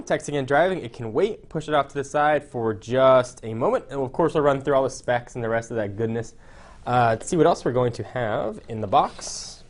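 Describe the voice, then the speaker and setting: A young man chatting casually through a phone unboxing, jokey and full of "uh" fillers. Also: medium pitch. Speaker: tech reviewer.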